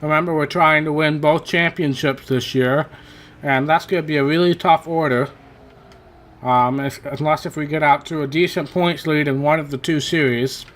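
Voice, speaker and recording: Worn from hours of talking, a fairly high, slightly bright male voice with fairly even intonation carries casual racing game commentary at normal speed. The gaming channel host rambles, chats, and keeps correcting himself.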